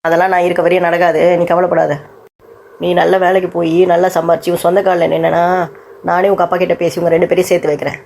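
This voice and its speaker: A woman's voice: lowish voice, little pitch movement, fast talker, gravelly, a little mellow, a little hiss or hum. A woman voicing a kind, reassuring aunt in a cartoon story. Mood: soothing. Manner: soothing, reassuring.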